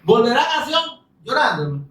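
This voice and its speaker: A high-pitched man preaching with lively swings from loud calls to soft asides. He acts out the grumbling of his listeners, and his voice comes from a distance in a roomy, echoing space. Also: brisk. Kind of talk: sermon.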